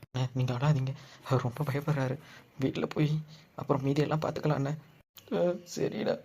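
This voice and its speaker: A man voicing a dutiful son-in-law in a cartoon, soft and coaxing. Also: mid-range voice, flat delivery, a little fast, gravelly, slightly rough. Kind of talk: Tamil cartoon dubbing. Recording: music bed under voice.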